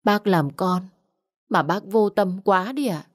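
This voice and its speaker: A woman's voice: mid-range voice, slow, no echo, studio quality. A woman voicing a poor young village girl who speaks politely and pleads. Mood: pleading.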